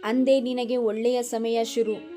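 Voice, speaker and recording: A woman delivers scripted motivational narration in an unhurried, deliberate cadence, her voice sitting a little high. She speaks in a grave, admonishing tone, addressing the listener directly. Clear background music runs beneath her voice the whole time. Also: level tone, warm tone.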